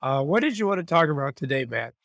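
A man's voice: a little high, very animated, quick pace, fairly bright tone, no echo. A man co-hosting a casual podcast, playful and joking, laughing at his own quips. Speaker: podcast co-host. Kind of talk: casual chat.

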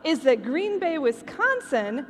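On a convention stage, a Michigan-born American woman who hosts a podcast presents scripted comic trivia to a live audience, playful and emphatic. Her high voice swings widely in pitch at a slightly slow pace, recorded in a reverberant hall with background noise.

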